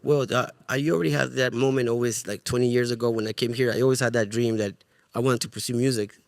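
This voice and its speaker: A man's voice: mid-range voice, fairly even intonation, quick pace, gravelly, no echo, studio quality. A middle-aged man from Ecuador with a Spanish accent, a guest in a casual interview, speaking earnestly and searching for his words. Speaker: guest, music producer and artist.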